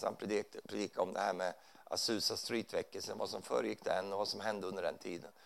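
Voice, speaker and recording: A man's voice: on the low side, vocal fry. A man preaching in a church hall, conversational, often checking in with his listeners. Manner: conversational preaching with frequent tag questions. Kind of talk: sermon.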